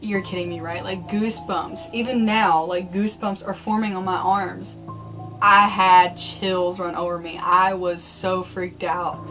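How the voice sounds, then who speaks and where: A woman's voice: lowish voice, flat delivery, a little slow, fairly bright tone, rough recording. A woman talking casually to viewers as a vlogger, telling spooky personal stories in a chatty, conversational way. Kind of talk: casual storytelling about eerie happenings. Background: music.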